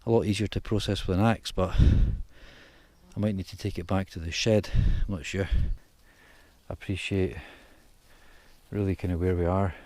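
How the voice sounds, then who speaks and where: Low mellow man outdoors. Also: steady tone, moderate pace, dry recording. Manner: chatty, thinking aloud while working. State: out of breath. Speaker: outdoors vlogger. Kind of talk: casual outdoor vlog narration. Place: outdoors in pine woods.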